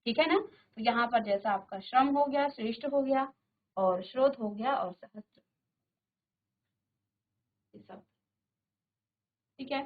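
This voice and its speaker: High-voiced woman teacher, tinny sound. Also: a little slow, pauses often. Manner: drills sounds by repeating them, checks with "ठीक है". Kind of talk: classroom grammar lesson. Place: virtual classroom studio.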